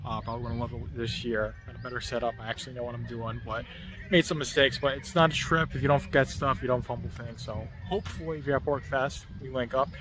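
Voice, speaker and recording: A man's voice: medium pitch, fairly even intonation, fast. Easygoing rambling man vlogging. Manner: easygoing and rambling, laughs between thoughts. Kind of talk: casual vlog narration.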